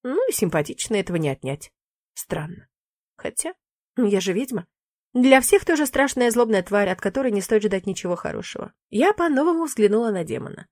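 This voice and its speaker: A woman reading a first-person fantasy audiobook in an expressive, emotive way. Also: medium pitch, fairly quick, no echo, clean studio sound. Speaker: audiobook narrator.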